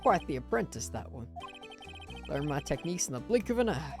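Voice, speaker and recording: A woman voicing a pompous older male lawyer who hems, haws and clears his throat evasively. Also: deep voice, sing-song, a little fast, over music. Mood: stuffy.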